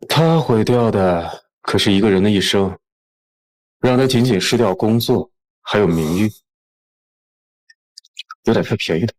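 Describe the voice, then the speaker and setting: An actor playing a ruthless young tycoon who speaks calmly and coldly, with quiet menace. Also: male voice, fairly low pitch, a little slow, long pauses, low-quality recording. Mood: menacing. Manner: calm, cold and menacing.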